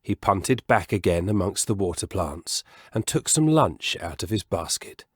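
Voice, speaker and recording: A man telling a children's story as a scripted, expressive reading, measured and savouring the descriptive words. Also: low voice, slightly rough, no room sound, studio quality.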